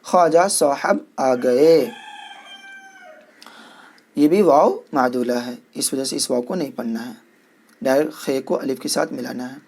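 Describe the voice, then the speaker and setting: A man gives a reading lesson at a very unhurried pace. He breaks words into their letters and says each practice sentence twice, carefully and clearly, for learners to follow. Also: medium pitch, a little mellow. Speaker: Urdu reading teacher. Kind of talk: language lesson, reading aloud and explaining spelling.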